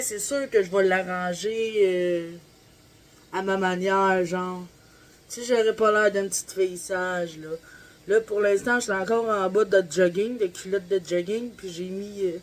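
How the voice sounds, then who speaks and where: A woman with a Québécois accent chatting casually in a home vlog, rambling along with lots of fillers and talking through a stuffy nose. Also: mid-range voice. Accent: Québécois French. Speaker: vlogger and mom. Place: at home, kitchen then in bed. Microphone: handheld phone camera, no tripod.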